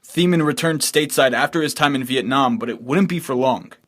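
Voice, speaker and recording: A man's voice: medium pitch, brisk, fairly bright tone. An American man reading scripted news narration as a television reporter.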